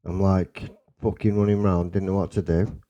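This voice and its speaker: A young man with a Salford accent telling a personal story in a rambling, excitable way, swearing and restarting often. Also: deep voice, normal speed, lo-fi sound, a little hiss or hum. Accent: Salford English. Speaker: storyteller guest.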